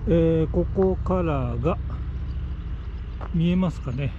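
Filming a cycling vlog outdoors, a man murmurs casual remarks to himself from roadsides and his bicycle. His voice is fairly high and unhurried, with phone-quality sound, road noise and passing cars.

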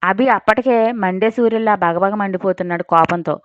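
A woman narrating an audio story in a dramatic, expressive way. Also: mid-range voice, a little fast, slight background noise. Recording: dry, slightly dull recording.

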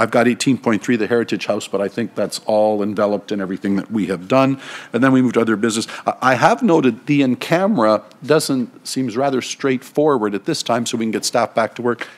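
A middle-aged man chairing a council meeting at a desk microphone, running through agenda items in a brisk, procedural way. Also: medium pitch. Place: council chamber.

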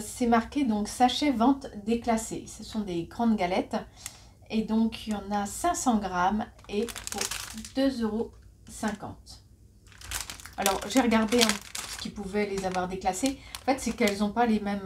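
A woman in her forties chats through a shopping haul at home, filmed on her phone. She talks in a middle-pitched voice, giggles often and teases herself. Faint background noise sits under her voice. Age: 40s. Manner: chatty, giggly, self-mocking asides. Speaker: vlogger. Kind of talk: casual shopping haul vlog. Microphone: phone camera.

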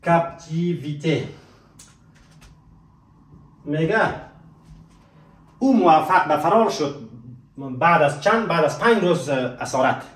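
A man teaching a French lesson, slowing right down on example phrases and asking students to repeat them. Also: fairly high pitch, expressive, fairly bright tone, far from the mic. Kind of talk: spoken language lesson with slow example phrases. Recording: roomy echo, voice from off the mic.

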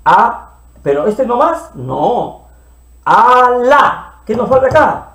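A man teaching children to read, playfully sounding out syllables slowly and repeating them. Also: very high-pitched, big pitch swings, a bit bright, echoey room. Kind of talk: early reading lesson for children.

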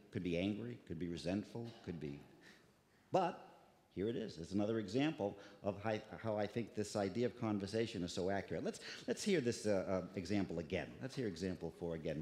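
Male music lecturer, lowish voice, scats rhythms mid-sentence; echoey hall sound. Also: mellow. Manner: scats rhythms to illustrate, restarts words. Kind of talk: lecture with live musical examples. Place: concert hall. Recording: echoey concert hall with long reverb.

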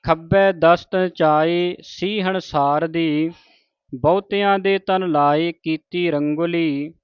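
Male scripture teacher, slow deliberate recitation, dry close sound, slightly dull recording. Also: a little high, fairly even intonation, smooth, no room sound. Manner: measured, deliberate recitation with short explanations.

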